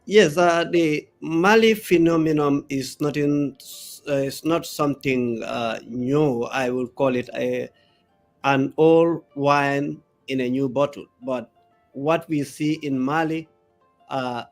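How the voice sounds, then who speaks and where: A man with a Gambian English accent, a political analyst answering live interview questions in a halting way, with many filler pauses. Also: on the high side, faint music behind.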